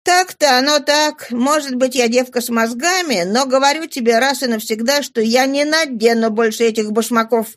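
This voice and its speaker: A woman's voice: mid-range voice, big pitch swings, normal speed, hardly any pauses, no echo, studio quality, natural voice. A woman voicing a bold, cheeky poor teenage girl with pert, defiant retorts in an audiobook reading.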